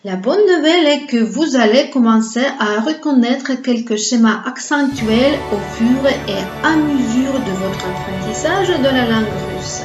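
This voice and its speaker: Slow, patient woman teaching a language. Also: on the high side. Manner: explains patiently and asks viewers to repeat words. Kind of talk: slow, carefully paced pronunciation lesson. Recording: roomy, slightly dull lo-fi sound.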